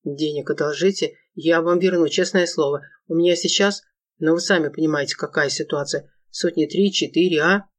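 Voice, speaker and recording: A woman's voice: low-pitched, steady tone, normal speed. A spoiled young man who whines and pleads through every line, as a woman reader puts him on. Plaintive and sulky, read in an audiobook. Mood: begging. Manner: plaintive, whining. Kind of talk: audiobook narration.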